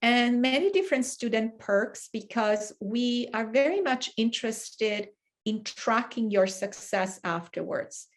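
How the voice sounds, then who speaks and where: A woman's voice: fairly high pitch, unhurried. A woman working as a university recruiter, presenting student services in a webinar with many um's and lists. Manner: informative, listing services, frequent fillers.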